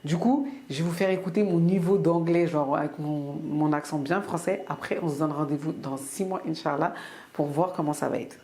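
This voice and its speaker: With a low-sitting, warm voice at normal speed, a woman from France talks casually to camera in her weekly vlog. She rambles a lot, using many fillers and frequently restarting her sentences.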